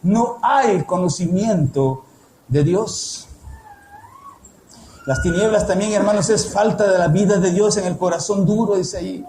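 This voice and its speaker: A man preaching to a congregation, asking them repeated rhetorical questions and slowing down to stress scripture. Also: high-pitched, warm tone, roomy sound, low-quality recording. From El Salvador. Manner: slow, emphatic delivery of scripture. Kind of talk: sermon. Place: church.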